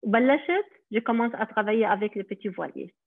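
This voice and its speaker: A woman's voice: mid-range voice, expressive, a little fast, creaky, no echo. Middle-aged lebanese woman telling her story on a webinar, lots of ums, dry tinny line. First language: Arabic. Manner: switches between French and Arabic, hesitant with many fillers. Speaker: daycare centre director. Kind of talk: personal testimony on a webinar. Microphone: video call. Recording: tinny phone-like video call audio.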